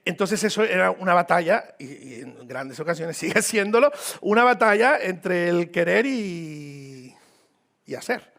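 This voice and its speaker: A high, slightly bright voice belongs to a guest pastor from Mexico who preaches in a church hall with a Mexican accent. His sermon is informal and full of jokes, with phrases repeated for emphasis.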